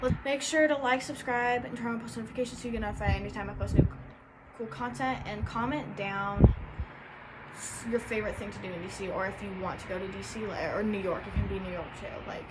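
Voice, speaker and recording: This is a fast-talking young woman vlogging in a loose, meandering way, her sentences padded with "um" and "like." Her pitch is mid-range with fairly steady intonation, and heavy background noise runs throughout.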